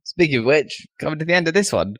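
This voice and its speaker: A man co-hosting a gaming podcast, trading wry, quick banter. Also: a little high, animated, no echo. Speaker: podcast co-host. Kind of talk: casual chat about video games.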